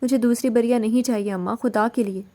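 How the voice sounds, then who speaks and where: A woman's voice: on the high side, fairly even intonation, warm tone, close to an everyday voice. A woman reading the part of a distraught young wife who pleads insistently. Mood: tearful.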